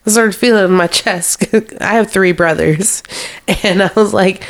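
A woman's voice: medium pitch, moderate pace. Giggly young woman chatting about movies. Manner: giggly, laughs often while retelling scenes. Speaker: podcast co-host. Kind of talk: casual movie review chat.

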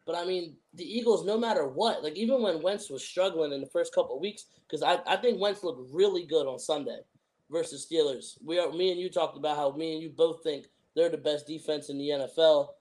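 A man's voice: a little high, fairly quick, darkish tone, rough recording. A young man hosting a sports podcast, giving opinions in emphatic, casual frat-bro slang.

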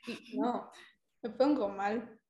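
Giggly, high-voiced woman in an echoey room. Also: slow pace, warm tone, dull audio. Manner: giggly, self-deprecating, playful. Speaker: podcast co-host. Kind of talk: casual chat between podcast co-hosts. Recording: roomy, echoing room sound.

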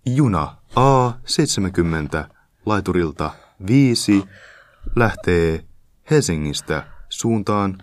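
A young man doing a slow train station announcer. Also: low voice, expressive. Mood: announcing.

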